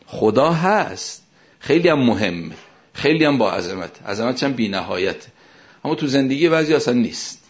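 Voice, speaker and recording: A man preaching a sermon as a cleric, emphatic, his voice swelling and dropping sharply in loudness. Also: mid-range voice, expressive, lo-fi sound.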